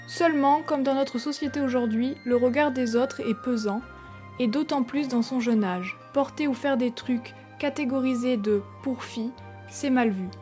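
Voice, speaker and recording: A woman with a high, light voice talks through her favourite manga in a relaxed, chatty video review. She sounds enthusiastic and drops in little confiding asides. Faint music plays quietly beneath her. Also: normal speed.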